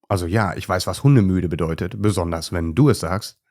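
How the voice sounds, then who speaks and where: A calm, good-natured male German shepherd from a children's audio story, as a man reader puts him on. He talks in a low, easy voice and stays reasonable. The manner is friendly and unhurried. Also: lightly acted. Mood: easygoing. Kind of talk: storybook character voice.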